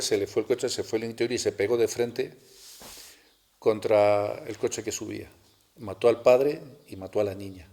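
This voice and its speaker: A middle-aged man telling a personal story in a talk at a spiritual center, halting and restarting as he goes. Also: medium pitch, warm tone. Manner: halting, with many restarts and rhetorical tags.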